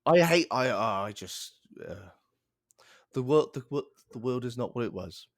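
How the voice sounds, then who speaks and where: A man's voice: medium pitch, lively intonation, measured pace, no room sound, studio quality. A young man co-hosting a casual podcast, ranting in exasperation and restarting his sentences. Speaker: podcast co-host.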